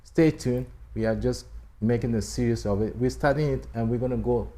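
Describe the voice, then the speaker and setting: A man's voice: mid-range voice, brisk, warm tone. A man hosting a spiritual talk show in a studio, speaking emphatically, repeating key phrases and urging viewers to subscribe. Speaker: channel host.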